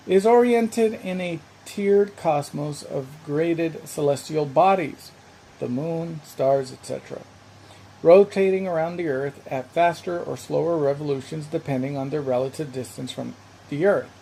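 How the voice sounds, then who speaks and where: A measured, explanatory narrator delivers scripted educational narration in a warm, mellow tone. A faint hiss sits behind the voice. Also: medium pitch, creaky, rough recording.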